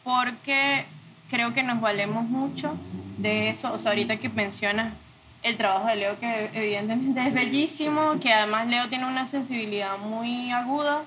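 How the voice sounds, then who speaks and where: Woman, slightly high voice, thoughtful interview guest, some background noise. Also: normal speed, fairly bright tone, rough recording. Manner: thoughtful, searching for words with self-corrections. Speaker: interview guest, audiovisual art director. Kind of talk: conversational interview, reflective.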